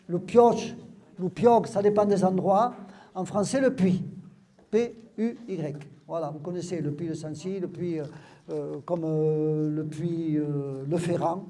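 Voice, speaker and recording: A man's voice: a little high, warm tone. A man reads lines aloud at a live event and explains each word to the audience, with frequent "hein?" and "voilà". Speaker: Occitan language presenter.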